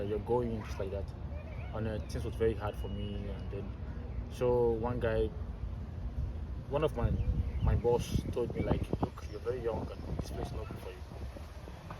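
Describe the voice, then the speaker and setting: A young man from Ghana, speaking as an in a casual interview, halting and repeating his words with many fillers. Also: fairly low pitch. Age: young adult. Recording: outdoor street recording, far mic, loud traffic noise.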